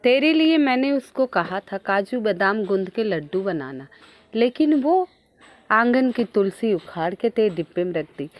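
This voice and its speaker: A woman's voice: mid-range voice, very animated, a little slow, muffled recording, pitched above the performer's own voice. A woman doing an earnest grown son in a folk tale. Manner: earnest explaining. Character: grown son, respectful and explaining.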